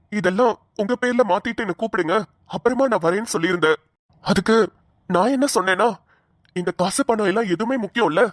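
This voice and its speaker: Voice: medium pitch, dry recording, studio quality, natural voice. A voice actor playing an earnest, principled young husband in a cartoon, speaking colloquial Tamil Nadu Tamil. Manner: earnest, questioning, firm.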